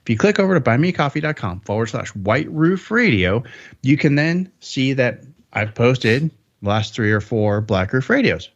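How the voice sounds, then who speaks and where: A man's voice: medium pitch, sing-song, normal speed, dull audio. A man hosting a car podcast, chatting casually and upbeat, rambling with jokes. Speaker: podcast host.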